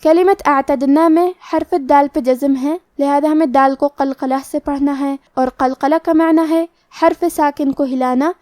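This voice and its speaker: A woman's voice: high voice, steady tone, darkish tone, no echo. A woman with a Pakistani Urdu accent, teaching Quran recitation rules, explaining each letter step by step in a methodical way. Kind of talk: tajweed lesson with slow recitation.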